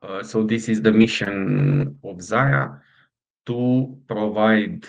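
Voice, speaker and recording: A middle-aged Romanian startup founder with a Romanian accent answers interview questions haltingly, his speech full of fillers and restarts. His voice is lowish and gravelly, with fairly even intonation.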